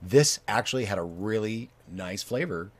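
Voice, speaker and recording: A man co-hosting a casual chat show, talking haltingly with many fillers and restarts. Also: on the low side, expressive, crowd noise. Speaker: co-host.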